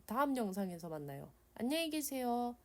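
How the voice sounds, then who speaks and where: Very animated and fairly quick, this woman speaks in a slightly high voice with a regional South Korean dialect while voicing over a relaxed drawing lesson, keeping it blunt and conversational.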